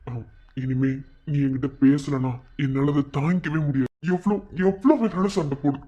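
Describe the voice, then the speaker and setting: A man's voice: a little high, steady tone, moderate pace, mellow, close to an everyday voice. A man with a Madurai Tamil accent voicing a lovesick young man who pleads and apologizes to his girlfriend. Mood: pleading. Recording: muffled lo-fi recording.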